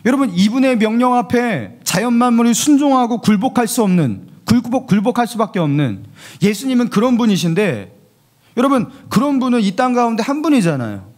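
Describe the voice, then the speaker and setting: Pastor guy preaching, high lively voice, keeps asking the church questions. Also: a little fast. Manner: animated preaching, asks the congregation questions. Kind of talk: sermon.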